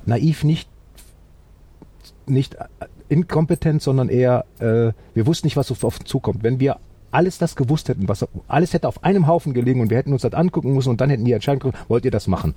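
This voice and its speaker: A man telling a story as an interview guest, halting with many fillers and restarts, but upbeat. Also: medium pitch, dark tone, breathy edge, no echo.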